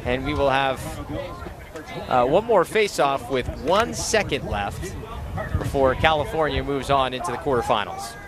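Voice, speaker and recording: A man calling play-by-play at an outdoor lacrosse game, brisk and self-mocking. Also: mid-range voice, expressive. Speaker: play-by-play commentator. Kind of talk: live sports commentary. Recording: loud crowd and field noise.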